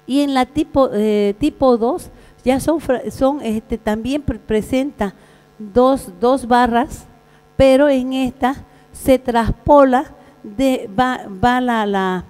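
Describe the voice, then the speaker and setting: A Bolivian woman, a veterinary surgeon, giving a conference lecture in a large hall, talking haltingly with frequent fillers and restarts. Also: high-pitched, darkish tone. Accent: Bolivian Spanish. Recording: reverberant hall with mains hum.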